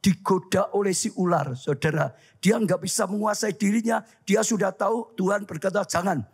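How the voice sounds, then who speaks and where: A male pastor preaching a lively sermon, often calling out to the congregation. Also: high voice, moderate pace, creaky, husky. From Indonesia. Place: church hall.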